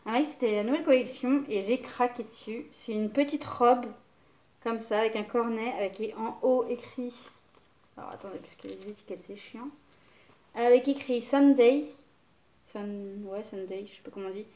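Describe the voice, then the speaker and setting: A woman's voice: a little high, fairly even intonation, a little fast, a little mellow, dull audio. A young woman casually chatting about clothes to camera, hesitant and full of fillers. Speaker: mother showing baby clothes haul.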